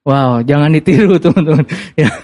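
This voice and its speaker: A man preaching a sermon to a congregation in a relaxed, conversational way, asking the audience questions and slipping into English phrases. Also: moderate pace. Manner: rises sharply in pitch for emphasis. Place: church hall before a live congregation.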